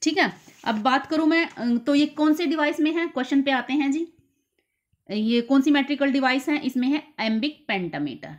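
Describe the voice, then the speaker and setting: Woman tutor, slightly high pitch, patient exam-prep lecture that repeats key terms. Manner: explains slowly, repeats key terms and quizzes herself. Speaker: teacher.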